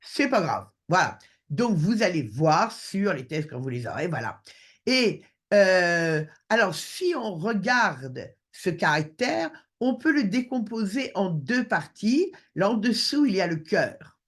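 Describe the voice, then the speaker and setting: A man's voice: high-pitched, very animated, unhurried, a bit bright. A man giving an online lecture over a video call, hesitant with many filler sounds.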